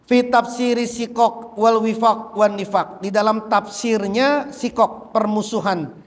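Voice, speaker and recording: High-voiced preacher in an echoey hall. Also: male voice, measured pace. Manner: animated, repeats phrases, acts out quoted speech. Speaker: Islamic teacher. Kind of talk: religious book study lecture.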